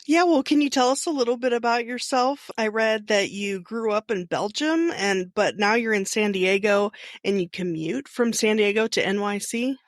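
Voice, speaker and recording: A friendly woman hosts a podcast, asking questions with frequent giggles. Her voice is mid-pitched for a woman. It is recorded close and dry, with no room sound. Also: normal speed, dry recording. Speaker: podcast host. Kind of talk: podcast interviewing.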